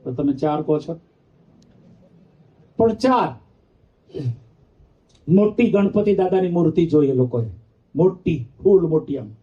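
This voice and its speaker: Male monk with a lilt, high and mellow, telling teasing stories in a sermon. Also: lively intonation, slow, long pauses. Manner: playful, acts out the characters, teases the audience. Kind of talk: storytelling sermon. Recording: dull lo-fi sound.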